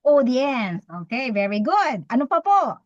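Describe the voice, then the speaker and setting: Lady teaching a class, talks fast, high-pitched, dry muffled sound. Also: sing-song, no echo. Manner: fast-talking, quizzes the audience, code-switches with English. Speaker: speaker teaching public speaking. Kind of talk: interactive talk to a live audience.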